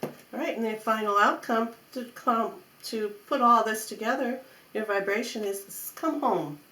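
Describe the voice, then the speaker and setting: A woman's voice: fairly high pitch, fairly even intonation, moderate pace, pushed and bright. A woman giving an off-the-cuff mystical tarot horoscope reading, repeating phrases in a coaxing, reassuring way. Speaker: tarot reader. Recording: roomy echo, faint background noise.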